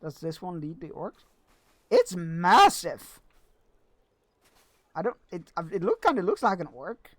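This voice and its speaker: A man's voice: sits high, animated, a little fast, breathy edge, no room sound. A man streaming a fantasy game, chatting sarcastically, swearing, laughing and reading quest text aloud. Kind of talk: casual live-stream commentary.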